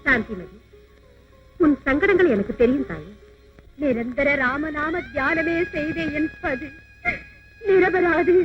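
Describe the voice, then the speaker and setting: A woman's voice: high voice, animated, unhurried, long pauses. An actress playing a grieving queen mother, crying as she pleads in a tearful lament. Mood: weeping. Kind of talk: dubbed mythological film acting. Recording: dull lo-fi old film soundtrack with loud music.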